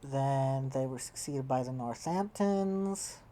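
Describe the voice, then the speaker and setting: A woman's voice: extremely low pitch, slow, mellow. A woman playing a strategy game, thinking aloud and musing to herself, often trailing off mid-thought as she tallies numbers. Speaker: game player. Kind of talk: casual gameplay commentary, thinking aloud.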